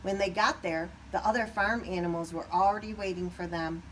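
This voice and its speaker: A woman reading a children's story aloud expressively, pausing at times to put questions to young listeners. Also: lowish voice, fairly even intonation, fairly bright tone, distant mic, slight background noise, rough recording. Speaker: storybook reader.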